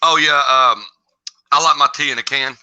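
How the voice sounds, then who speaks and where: A man's voice: a little high, normal speed, sharp tone. A man chatting casually as a livestream guest, in a folksy, informal manner. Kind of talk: casual chat. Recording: dull lo-fi call audio.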